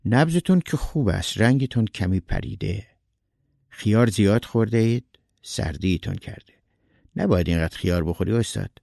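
A man's voice: lowish voice, lively intonation, creaky, darkish tone, no echo, clean studio sound. A man voicing a fussy, helpful male neighbor who asks solicitous questions. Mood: fussing.

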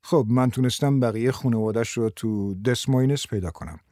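A man voicing a patient male investigator in an audiobook, explaining things in a calm, measured way. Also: mid-range voice, no room sound, clean studio sound, lightly acted. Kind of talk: audiobook character voice.

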